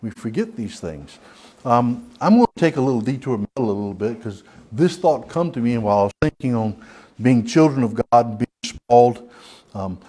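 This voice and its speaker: A man with a Southern US accent leads an informal church Bible study. His voice sits at an ordinary middle pitch, and he talks in a folksy, rambling way, circling back with restarts and fillers. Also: animated, moderate pace, dark tone, slightly rough. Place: church hall.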